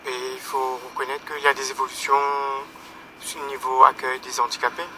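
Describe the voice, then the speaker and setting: A man gives spontaneous radio comments at medium pitch with little melody. His voice is forceful and sharp, his sentences loose and repetitive. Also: completely flat delivery, normal speed, slight background noise. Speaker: radio guest. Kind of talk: spontaneous spoken opinion.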